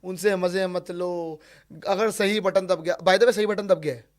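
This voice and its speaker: A man co-hosting a casual cricket talk show, excitable, repeating his points and laughing as he talks. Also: high voice, unhurried.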